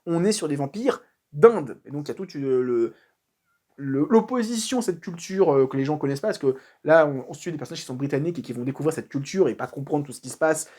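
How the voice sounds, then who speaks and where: A man's voice: fairly high pitch, expressive, brisk, a little mellow. A man casually talking through a comic book review, informal and chatty, with frequent fillers and restarts. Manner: informal slang.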